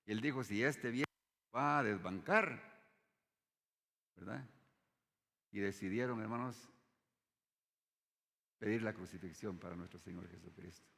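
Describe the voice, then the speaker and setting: A man preaching a sermon, often addressing the congregation as brothers and dropping his voice low at the end of phrases. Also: unhurried, vocal fry, long pauses, a bit bright. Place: church hall. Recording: long hall reverb.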